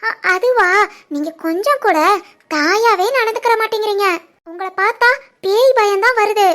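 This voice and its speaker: A bold young daughter-in-law in a cartoon, voiced by a woman, speaking in a very high, bright voice. She lectures and talks back defiantly, and has a southern Tirunelveli Tamil accent. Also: moderate pace. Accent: southern Tamil Nadu (Tirunelveli) Tamil. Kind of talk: animated family drama voice acting.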